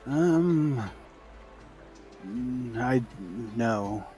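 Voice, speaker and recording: A man improvising as game master and shopkeeper in a tabletop role-playing game, speaking in a hesitant, halting way. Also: medium pitch, animated, dark tone, faint music behind.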